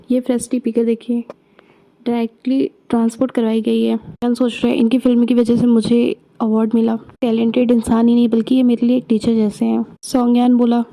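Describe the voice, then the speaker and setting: A woman recaps a romance story in a relaxed, conversational way. Her voice is dark and mellow, sitting a little high, and it barely rises or falls. She reads the characters' lines in the same even tone as the narration. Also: poor audio. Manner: summarizes scenes and reads dialogue lines flatly. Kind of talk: casual story retelling.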